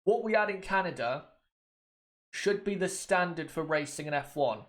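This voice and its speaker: A British livestream host with a bit of a cold gives casual watchalong commentary, chatting to viewers and often restating his points. His high voice is expressive and moves at a moderate pace.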